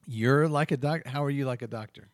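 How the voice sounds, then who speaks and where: A man's voice: medium pitch, fairly quick, no room sound, studio quality. A man from North Carolina co-hosting an improvised comedy podcast, laughing often as the exasperated straight man. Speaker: podcast co-host.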